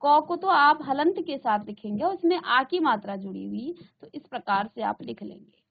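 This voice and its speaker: Woman hindi teacher, high voice, asks a question then answers it, tinny phone-like sound. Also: lively intonation, vocal fry, slight background noise. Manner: asks students questions and answers them herself; slows down to stress example words. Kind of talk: virtual classroom lesson.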